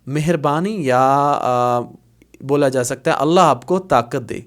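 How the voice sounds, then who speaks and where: A man teaching a casual spoken lesson, saying phrases slowly and repeating them, often checking in with his listeners. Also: mid-range voice. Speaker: language teacher.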